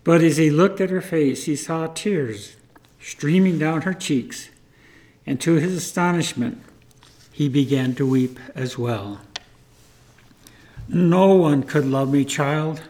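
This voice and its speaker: A man retelling a testimony in an earnest, measured way, like a preacher. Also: on the high side, darkish tone.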